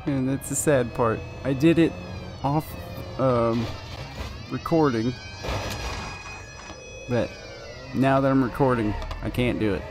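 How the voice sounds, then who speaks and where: A man's voice: mid-range voice, slow pace, pauses often, over music. A man giving live commentary while playing a driving game, nervous and pleading as he keeps urging the car on. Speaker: gaming video creator.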